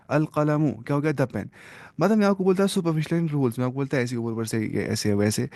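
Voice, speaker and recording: A man at a middling pitch teaches an Arabic grammar lesson. He poses questions and answers them himself, switches into English terms, and reassures his learners. The sound is close and dry, with no room echo. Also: darkish tone. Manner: mixes English terms into explanations; reassuring, encouraging tone.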